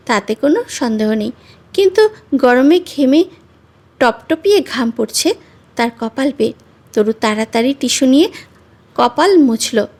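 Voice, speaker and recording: A woman with a high voice reads a romantic story aloud in a measured, expressive way. Her scripted narration moves steadily from scene to scene.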